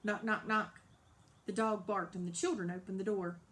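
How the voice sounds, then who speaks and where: A woman narrating a children's novel aloud in a lively, dramatic storybook style. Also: mid-range voice, moderate pace. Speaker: audiobook narrator.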